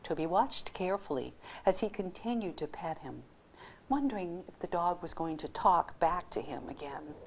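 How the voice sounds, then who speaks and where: A woman who works in voice-over, narrating a story expressively and playfully, with lively asides. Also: fairly low pitch, normal speed, a little hiss or hum. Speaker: voice-over actor.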